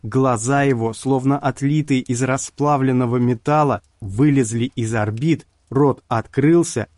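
A man reading a horror story aloud in a slow, measured way. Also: medium pitch, darkish tone, no echo, clean studio sound. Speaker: audiobook narrator. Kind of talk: scripted narration.

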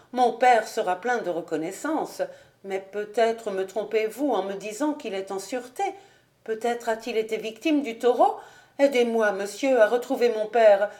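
A woman's voice: a little high, a little mellow. A woman reading an audiobook, voicing a frightened young noblewoman who pleads and implores, raising her voice.

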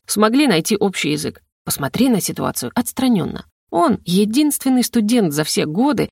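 A woman voicing a composed male elf lord who serves as dean, speaking in a measured, reasoning way that can turn stern. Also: mid-range voice, creaky, darkish tone, no room sound, clean studio sound.

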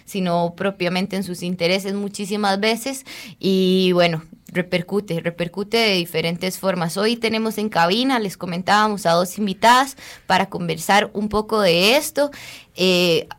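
A woman co-hosting a community radio show, talking conversationally and pausing to find her words. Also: mid-range voice. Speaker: radio co-host.

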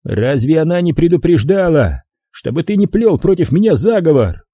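A cruel male captor gloating over his prisoner in a taunting, cold way, put on by a male reader. The voice is raised a little above the reader's own, dark and husky, and sounds close and dry as in an audiobook. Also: fairly high pitch, very animated, moderate pace, no room sound, voice pushed up.

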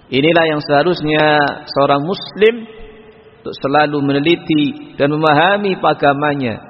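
A man giving a religious lecture, chanting Arabic phrases slowly and then explaining them in a measured way, on a lo-fi recording. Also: fairly high pitch, breathy edge. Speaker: Islamic preacher. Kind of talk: sermon-style religious lecture. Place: mosque or lecture hall. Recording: lo-fi recording with long hall reverb.

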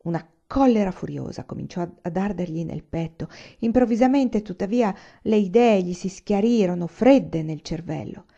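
A woman reads a novel aloud in a steady, measured audiobook delivery. Her voice is warm and mellow, and the lo-fi recording sounds a bit dull. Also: medium pitch, creaky. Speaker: reader. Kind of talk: audiobook narration. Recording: slightly muffled lo-fi recording.

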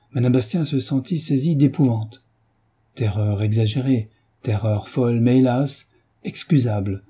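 A man narrating a classic novel as an audiobook, reading in a steady, dramatic storytelling manner. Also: mid-range voice, husky.

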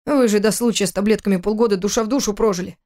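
A woman reading the part of a stern, domineering older father-in-law, gruff and commanding. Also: medium pitch, fairly even intonation, racing, warm tone, close to an everyday voice. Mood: pleading.

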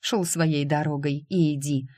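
A man's voice: a little high, steady tone, a little slow, a little mellow, dry recording, clean studio sound. A man voicing a young mother in an audiobook, speaking coldly and defiantly to her ex-husband. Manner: cold and clipped.

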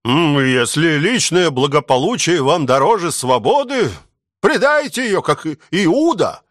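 A man's voice: fairly high pitch, very animated, unhurried, a bit bright, dry recording, clean studio sound. A man playing a pompous, speechifying commissar. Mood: declaiming. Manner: declamatory, rousing. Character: pompous middle-aged male army commissar, speechifying.

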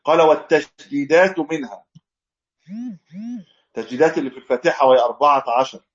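A sheikh teaching a fiqh text speaks very fast in a mid-range voice, with dull-sounding audio. He explains the religious lesson step by step and demonstrates correct recitation.

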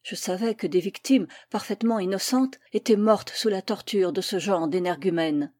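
Woman reading a novel out loud, calm and steady, medium pitch, dry sound. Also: dry recording. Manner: calm, measured. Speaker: audiobook reader. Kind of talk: first-person novel narration.

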